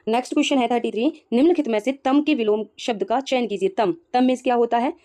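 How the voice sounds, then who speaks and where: Fast-talking, mellow-voiced woman teacher. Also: fairly high pitch. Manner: repeats "ठीक है" and asks herself rhetorical questions. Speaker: exam prep teacher. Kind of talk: solving exam questions, explaining answers.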